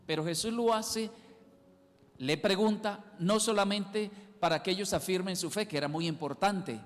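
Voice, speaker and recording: A man preaching a sermon as pastor, emphatic, rising loud and dropping soft as he repeats key words. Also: sits high, long reverb tail. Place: church hall.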